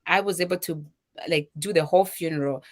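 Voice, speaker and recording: A woman from Zambia with a Zambian accent and a slightly low-pitched voice tells a personal story on a talk show. She speaks with emotion and energy, and she voices the lines of people in her story. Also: brisk. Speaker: guest, charity founder.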